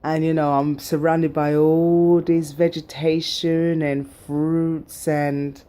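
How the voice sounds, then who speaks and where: A middle-aged woman vlogger speaks slowly in a low, flat, dark-toned voice, sharing her surgery journey to camera. Her storytelling is casual, chatty and emphatic, packed with fillers, and ends with her urging viewers on.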